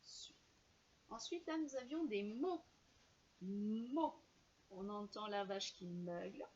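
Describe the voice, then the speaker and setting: A woman teacher giving a slow, clear reading lesson to young children and carefully sounding out each syllable. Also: mid-range voice, big pitch swings, dull audio.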